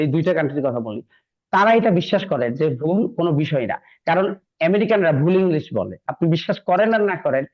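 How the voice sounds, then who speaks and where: A man teaching an English class in a chatty, encouraging way, often repeating himself. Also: a little high. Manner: conversational, encouraging, repeats phrases. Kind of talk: classroom lecture. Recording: dull lo-fi recording.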